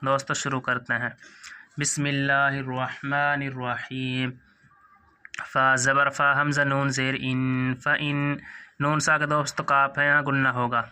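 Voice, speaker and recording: A man teaching Quran reading, spelling it out one syllable at a time and slowly reciting verses, gently correcting how listeners pronounce the letters. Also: mid-range voice, flat delivery, clear, resonant tone. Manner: gently correcting pronunciation, addressing viewers as friends.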